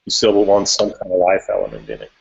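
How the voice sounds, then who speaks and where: A man's voice: low voice, very animated, quick pace, vocal fry, breathy edge. A man from Switzerland, a music producer, talking casually in an interview, rambling with frequent restarts and fillers. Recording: dull lo-fi audio.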